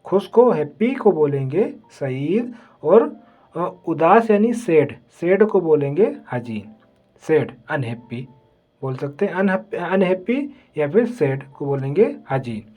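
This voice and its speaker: A teacher leading a slow vocabulary lesson, saying each word several times and checking in with the listener often. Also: medium pitch, big pitch swings, dark tone, soft background music. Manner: slow, repetitive drilling, says "ठीक है" often. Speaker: Arabic teacher. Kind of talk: vocabulary lesson, repeating words.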